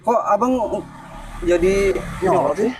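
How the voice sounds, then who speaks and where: A man acting in an amateur skit as a calm hero who stands up to a thug, teasing him and laughing at him. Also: sits high, slow pace, slight background noise. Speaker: skit lead and channel host.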